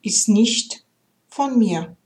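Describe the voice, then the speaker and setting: A woman's voice: a little high, lively intonation, very slow, darkish tone. A woman reading aloud, voicing a patient, loving male God who explains his creation earnestly. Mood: sad.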